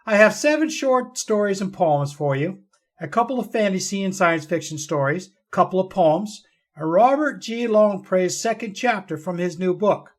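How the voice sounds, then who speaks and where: Higher-pitched male storyteller. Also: animated, normal speed. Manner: storyteller's delivery. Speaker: podcast host and storyteller. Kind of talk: podcast introduction and read-aloud short fiction.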